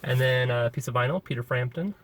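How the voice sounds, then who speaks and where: A man's voice: medium pitch, brisk, a crowd in the background. A man chatting casually as he vlogs out and about around shops and a mall, often checking in with a companion. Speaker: video game collecting vlogger. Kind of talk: casual vlog chat. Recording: noisy on-location vlog, traffic and ambience.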